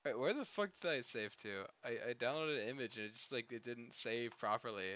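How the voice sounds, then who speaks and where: A man live-streaming a game, talking to his chat in a rambling, profane, excitable way. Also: mid-range voice, a little fast, dry recording, muffled recording.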